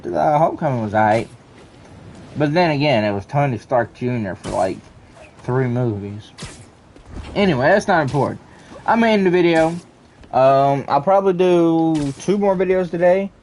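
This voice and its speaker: Young guy streamer, kinda high voice, rambly and worked up, faint hiss behind. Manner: rambling, excitable, quick to rant. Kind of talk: casual chat to stream viewers.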